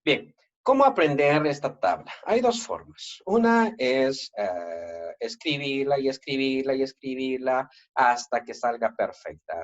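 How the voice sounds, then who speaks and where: A man with a Central American Spanish accent teaching Greek grammar in an online lesson, patient and halting, with many fillers and self-corrections. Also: mid-range voice. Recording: dull lo-fi recording.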